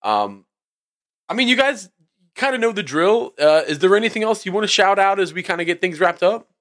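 A man's voice: high-pitched, fairly quick. A man hosting a casual music podcast, laughing often and steering the talk. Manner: lively, laughs often, wraps up the show. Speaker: podcast host. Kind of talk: casual chat.

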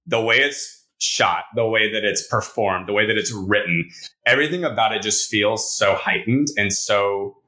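Male podcast co-host, slightly deep but bright and forceful, enthusiastic, rambling casual chat. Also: moderate pace, rough recording. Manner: enthusiastic, rambling, peppers talk with "like".

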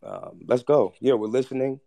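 A man's voice: medium pitch, normal speed, vocal fry, mellow, no echo. A man speaking casually to his community as a project founder, earnest and slangy, often restating his point. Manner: earnest, slangy, repeats himself.

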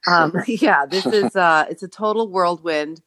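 Lady in her middle years chatting on a podcast, bright voice, dry close sound, thinks out loud. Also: on the low side, a little slow, no echo. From Jamaica. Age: middle-aged. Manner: reflective, searching for words, laughs easily. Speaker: podcast guest. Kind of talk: casual conversation.

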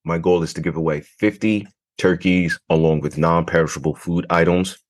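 Croaky, deep-voiced man podcasting casually. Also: steady tone, normal speed. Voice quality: croaky, froggy early-morning voice. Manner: informal, slangy, addresses listeners directly. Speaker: podcast host. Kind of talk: casual video podcast monologue with slang. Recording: music behind the voice. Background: music.

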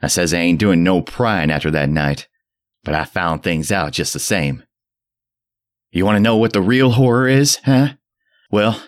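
A man voicing a terrified old drunk who rants in a shrill, cracking old voice and a rustic dialect. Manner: rustic old New England dialect, ranting. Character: terrified old male drunk, rambling and frantic.

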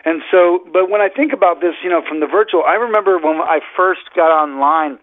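A halting man calling in over a tinny phone line. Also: high voice, no echo. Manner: halting, with many fillers and restarts. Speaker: radio show caller. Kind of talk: casual call-in chat.

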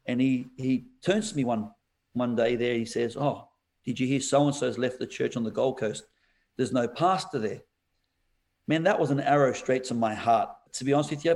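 A man, a pastor telling a personal story in a podcast interview, animated and quick to laugh. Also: medium pitch. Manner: animated storyteller, laughs often, says "bro".

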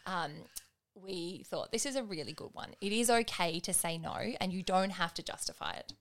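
A young woman co-hosting a relaxed podcast, chatty and quick to laugh. Her voice sits a little low for a woman, and she moves easily between reading out figures and joking. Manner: chatty, laughs often, reads out survey figures. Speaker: podcast co-host. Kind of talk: casual chat.

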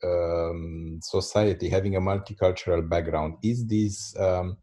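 A man's voice: low voice, steady tone, dark tone. A man from Belgium hosting a podcast, interviewing a guest with frequent fillers. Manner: halting, many fillers. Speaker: podcast host.

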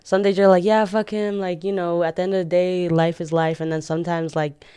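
A woman's voice: on the low side, flat delivery, brisk, mellow, clear, resonant tone. A young woman in a casual podcast chat, speaking in a slangy, reflective, agreeable way. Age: young adult.

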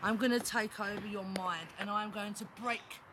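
A woman's voice: medium pitch, steady tone, normal speed, heavy background noise, lightly acted. A woman playing a gloating demon queen of the underworld in a menacing villain promo, with cackling laughs.

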